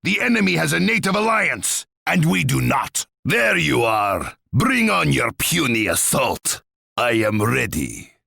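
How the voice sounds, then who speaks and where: An actor playing a boastful, bloodthirsty Russian tsar in a strategy game, with a pompous, menacing, theatrical delivery and a rough, gravelly voice. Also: male voice, mid-range voice, very animated, unhurried, pushed and bright, no echo, studio quality, exaggerated voice. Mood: indignant.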